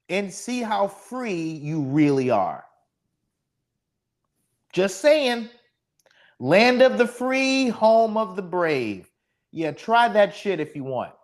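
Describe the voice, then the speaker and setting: Animated, high-voiced Texan man ranting. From Texas, USA. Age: 40s. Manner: sardonic, ranting, talks to chat, chuckles. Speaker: podcast host. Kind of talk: solo live-stream monologue.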